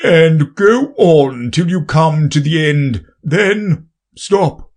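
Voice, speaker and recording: A man voicing a fussy, blustering old king presiding over a courtroom, with loud, pompous pronouncements. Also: on the high side, animated, drawn-out words, voice pushed up, heavily acted.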